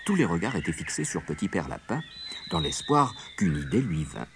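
A man narrating a children's story with expressive, lively delivery. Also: sits low, moderate pace, creaky, background noise.

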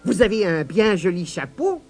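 A man voicing a tender-hearted little boy in a children's story, speaking in a high, pleading way. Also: very animated, moderate pace, faint music behind, full character voice. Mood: polite.

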